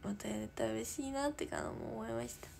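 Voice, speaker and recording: A teenage girl streaming live in her room, chatting casually, reading viewer comments aloud and drifting into soft whispers. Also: fairly high pitch, fairly quick, creaky, slight background noise. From Japan. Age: teens. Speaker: idol livestreamer.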